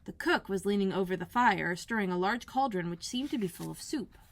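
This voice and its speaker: A woman narrates a children's storybook. Her pitch sits in the middle for a female voice, and she reads expressively, as a school librarian does for young listeners. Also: lively intonation, fairly quick. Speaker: elementary school librarian reading aloud.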